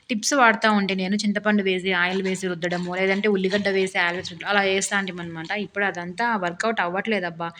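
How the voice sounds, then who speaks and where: A hoarse woman narrating her cooking vlog in a chatty, rambling voice-over. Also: medium pitch, sharp tone. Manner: rambling, talkative, complains with humor. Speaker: cooking vlogger.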